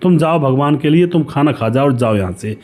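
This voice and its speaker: A man voicing an anxious middle-aged village father who talks in a pleading, hurried way. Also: mid-range voice, animated, darkish tone, natural voice.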